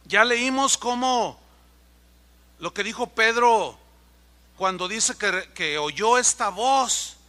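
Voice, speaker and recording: A man preaches a sermon with a Mexican accent, in a notably high voice for a man. His tone is piercingly bright, and he tells stories with animation, switching into the voices of the people in them. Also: slow pace, long pauses. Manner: animated storytelling, acting out dialogue. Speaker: pastor.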